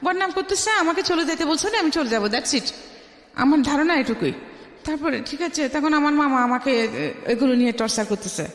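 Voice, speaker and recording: This middle-aged woman has a Bangladeshi accent and a high, animated voice, moving at a moderate pace. As a guest on a radio interview, she forcefully narrates her life story and acts out remembered exchanges. The echoey space leaves a long reverb.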